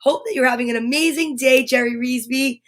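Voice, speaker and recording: Brief: cheerful, encouraging woman host, slightly high voice, casual live chat. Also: brisk, a bit bright. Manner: upbeat, encouraging, affirmations. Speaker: children's story time host. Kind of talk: live-streamed casual pep talk.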